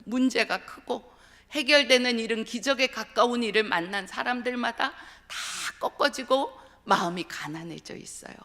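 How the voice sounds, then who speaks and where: A middle-aged woman giving an earnest sermon with personal testimony, often dropping to a hushed whisper for emphasis. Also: medium pitch. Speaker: guest speaker at a dawn revival service. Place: church sanctuary. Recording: long church hall reverb.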